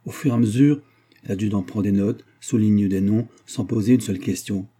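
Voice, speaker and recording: A man narrating a crime novel in the first person. His voice is low, very dark and husky. His delivery is wry and matter-of-fact. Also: fairly even intonation, normal speed. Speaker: audiobook narrator.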